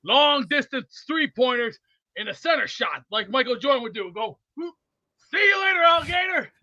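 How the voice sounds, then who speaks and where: A man's voice: extremely high pitch, lively intonation, moderate pace, sharp tone. A man chanting and boasting playfully while calling in to a sports show. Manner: chanting, taunting. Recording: dull lo-fi line.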